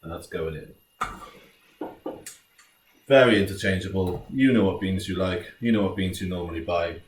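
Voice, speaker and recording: A British home cook talks through a recipe in a relaxed, jokey, chatty style, like a casual cooking tutorial. His voice sits low and moves at a moderate pace. The recording sounds roomy, with a distant mic and faint noise.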